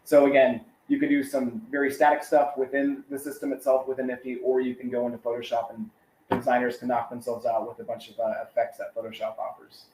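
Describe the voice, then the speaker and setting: A man's voice: mid-range voice, little pitch movement, fairly quick, a little mellow, roomy sound, slight background noise, rough recording. A man giving a casual, conversational webinar presentation, with many fillers and asides.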